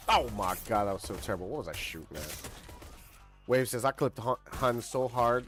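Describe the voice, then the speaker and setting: A man streaming a shooter game, commenting casually and shouting when he gets killed. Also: mid-range voice. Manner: excitable, yelling at sudden kills. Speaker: livestreaming gamer.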